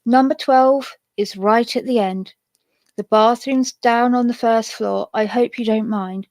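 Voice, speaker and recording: A brisk, helpful country innkeeper who rattles off practical directions, read by a woman in her own voice. The voice sits fairly high and sounds dry and close. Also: steady tone, darkish tone, dry recording.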